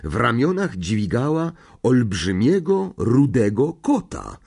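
A male audiobook narrator with a husky, slightly breathy voice and a strikingly lively, wide-ranging melody. He reads fiction aloud in an expressive storytelling manner, at a medium pitch. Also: slow pace. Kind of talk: scripted narration.

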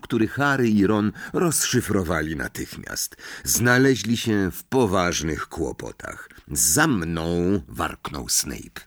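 A man narrating an audiobook in an expressive storytelling style. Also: on the low side, no echo, clean studio sound. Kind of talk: scripted narration.

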